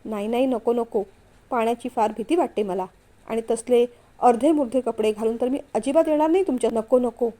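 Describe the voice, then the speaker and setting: A woman reads out a modest young wife, shy and quick to protest. The high, mellow voice has a gentle storybook lilt. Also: lightly acted. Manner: pleading, flustered. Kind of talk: storytelling read-aloud.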